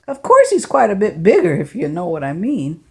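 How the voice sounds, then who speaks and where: A woman's voice: medium pitch, wildly swooping pitch, a little fast. A woman reader voicing a jovial, teasing older man, a grandfather, in a folksy, joking way.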